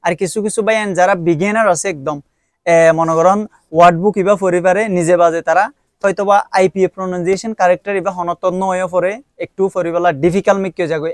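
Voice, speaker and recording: A man's voice: high voice, steady tone, fast talker, dry recording, clean studio sound. A young man with a Rohingya accent, casually reviewing and promoting books, explaining step by step with frequent hesitations. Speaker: book reviewer. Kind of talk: casual spoken product review.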